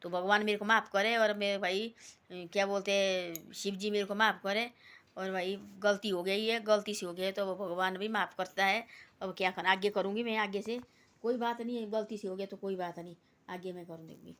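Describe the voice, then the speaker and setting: A woman's voice: medium pitch, steady tone, normal speed, fairly bright tone. A woman vlogger casually retelling a devotional moral story in a rambling, folksy way, full of quoted voices.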